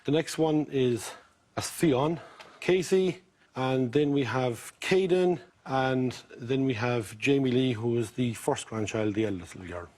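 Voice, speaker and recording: A middle-aged man from County Mayo with a west of Ireland accent and a husky voice, chatting about his life as a game show contestant. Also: medium pitch, unhurried, darkish tone.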